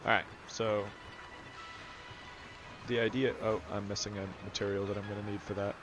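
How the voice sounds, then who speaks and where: A man's voice: on the low side, little pitch movement, moderate pace, noisy background. A man giving casual let's-play commentary, explaining game mechanics and thinking aloud. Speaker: gameplay commentator. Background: game music.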